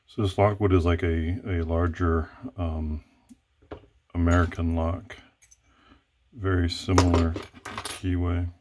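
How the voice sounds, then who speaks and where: A man with a very low voice talks himself through picking a lock. He thinks aloud in a hesitant way, starting phrases over and correcting himself mid-sentence. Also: level tone, takes it slowly, long pauses, a little mellow. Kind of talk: thinking aloud while working.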